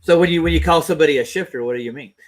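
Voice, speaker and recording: A man's voice: a little high, very fast. A man in a casual discussion, explaining his points conversationally.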